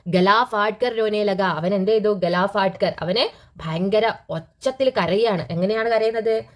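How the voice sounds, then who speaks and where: A woman teacher explaining a school reading lesson. She reads lines slowly, then explains them, often asking a question and answering it herself. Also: mid-range voice.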